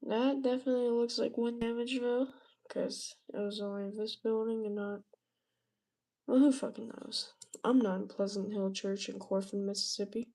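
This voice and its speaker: A woman's voice: a little high, steady tone, normal speed, dark tone, low-quality recording. A woman giving casual, sarcastic commentary on weather posts as she browses, swearing freely. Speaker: weather streamer.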